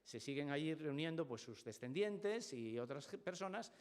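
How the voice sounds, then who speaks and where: A man's voice: on the high side, expressive, moderate pace. A man with a Spain Spanish accent preaching in a church, explaining a scripture text with frequent rhetorical questions. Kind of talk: expository sermon.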